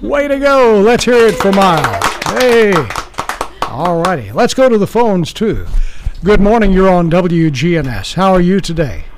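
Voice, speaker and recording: A man's voice: high-pitched, very animated, a little slow, a little hiss or hum. A man hosting a live local talk radio show, chatting with guests and callers. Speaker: radio host.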